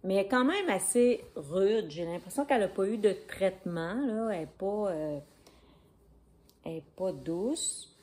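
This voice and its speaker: A woman speaks with a Québécois French accent in a medium-pitched, animated, slightly mellow voice at normal speed. She hosts a knitting video podcast from home, chatting to a camera on a stand in a rambling way, correcting herself and checking her notes.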